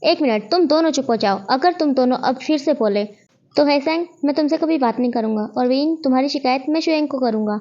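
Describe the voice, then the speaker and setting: Woman voicing a bossy teenage schoolboy, scolding, exasperated, high voice, lo-fi sound. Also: fast talker, a little mellow, close to an everyday voice.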